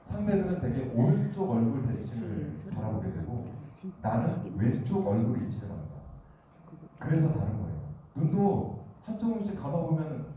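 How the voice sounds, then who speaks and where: A guest lecturer in a meeting hall speaks to an audience in a warm, medium-pitched voice with big pitch swings and a moderate pace. He keeps it conversational and often puts questions to the room, recorded from far off in an echoey hall.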